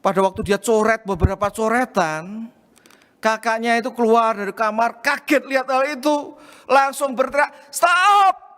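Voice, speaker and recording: Male pastor, high voice, storytelling sermon, long church reverb. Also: normal speed. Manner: storytelling, addresses congregation as saudara, animated acting out of quoted lines. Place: church hall.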